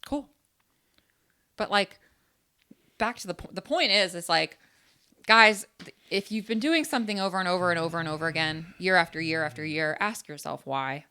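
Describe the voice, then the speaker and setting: A woman's voice: on the low side, normal speed, long pauses, smooth. A woman co-hosting a podcast, talking frankly and casually with plenty of filler words. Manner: frank, animated, lots of "like" fillers. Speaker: podcast co-host.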